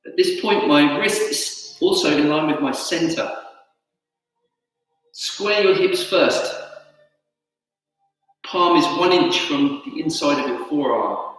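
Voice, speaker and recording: A man teaching tai chi, giving calm, unhurried step-by-step instructions in short phrases. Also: on the high side. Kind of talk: instructional movement cues. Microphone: camera at a distance. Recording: very echoey hall, distant mic, faint music.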